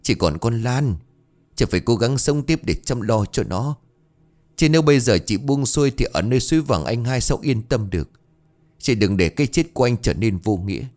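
Kind poor village lady, voiced by a man, soft and gentle, trying to comfort someone. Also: mid-range voice, expressive, moderate pace, natural voice. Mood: consoling. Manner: gentle, consoling.

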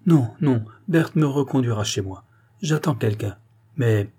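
A man voicing a cold, scheming older woman who speaks in a smooth, coaxing, insistent way. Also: mid-range voice, expressive, unhurried, dark tone. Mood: polite.

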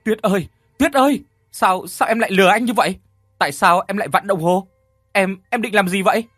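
A man voicing a desperate young man who shouts and pleads frantically. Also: sits high, fairly quick, dry recording, clean studio sound, soft background music, voice pushed up. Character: desperate young man trying to save his love.

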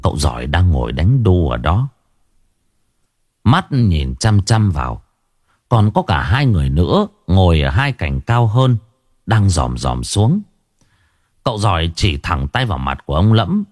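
Man narrator, ghost story, low voice, lively pitch, dry close mic. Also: unhurried, no room sound. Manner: dramatic, vivid storytelling. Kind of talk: first-person storytelling.

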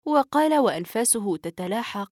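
A woman narrating a novel for an audiobook in a steady, even storytelling manner. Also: on the high side, normal speed, no room sound, clean studio sound.

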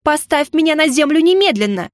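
A woman's voice: on the high side, moderate pace, no echo, studio quality, close to an everyday voice. A woman voicing a stubborn, hot-tempered young heroine who talks indignantly and shrilly. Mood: shrieking.

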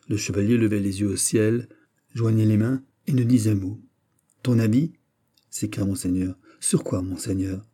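A man narrating a classic novel in a measured storytelling manner. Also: fairly low pitch, dark tone, slightly rough. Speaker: audiobook reader.

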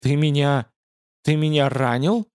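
A man's voice: on the high side, unhurried, darkish tone, clean tone, dry recording, studio quality, close to an everyday voice. A man reading an audiobook voices a proud young female demon warrior, haughty and strained by pain. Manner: haughty, then pleading in pain.

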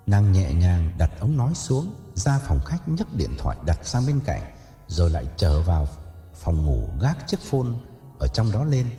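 A man narrating an audio story in a dramatic, expressive way. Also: sits low, unhurried. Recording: echoey reverb with faint music.

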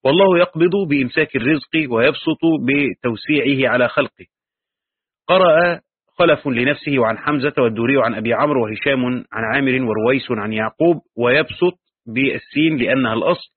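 Male teacher, husky voice, reading and explaining commentary with pauses and self-corrections; tinny phone-like recording. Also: mid-range voice, no echo.

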